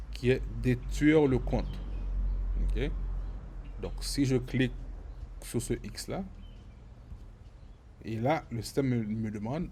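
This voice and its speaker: A man giving a screen-recorded software lesson, often repeating words and filling pauses as he explains. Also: medium pitch, a little hiss or hum. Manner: stammering repetitions, many fillers. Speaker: software tutorial instructor.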